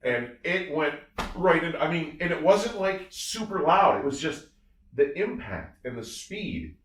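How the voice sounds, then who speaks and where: This audio reviewer and show host has a fairly high, sing-song voice and talks a little slowly. His casual product talk is enthusiastic and effusive, full of emphasis and repeated phrases, recorded in a roomy setting somewhat distant from the mic.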